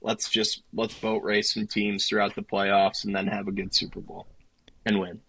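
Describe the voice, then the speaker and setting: A young man co-hosting a sports podcast, making confident points in a casual, somewhat halting way. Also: fairly low pitch, flat delivery, pushed and bright, husky, rough recording. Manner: confident, a bit halting with fillers. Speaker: podcast co-host.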